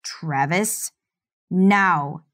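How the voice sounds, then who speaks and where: A woman's voice: sits low, fairly even intonation, takes it slowly, darkish tone, voice pushed down. A woman voicing a cold, domineering rich young man who speaks in icy, clipped commands, in an audiobook. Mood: cold commanding.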